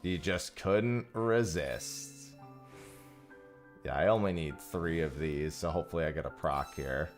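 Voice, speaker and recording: A man's voice: a bass voice, unhurried, faint music behind. A man streaming a game over a headset mic, chatting casually and thanking viewers. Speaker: livestreamer. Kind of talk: casual livestream chat while gaming. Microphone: headset mic, livestream audio.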